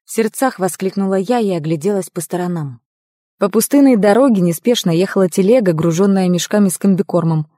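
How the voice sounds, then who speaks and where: A woman narrating first-person fiction as an audiobook reader, with a lively, expressive reading. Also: medium pitch, brisk, no room sound, studio quality.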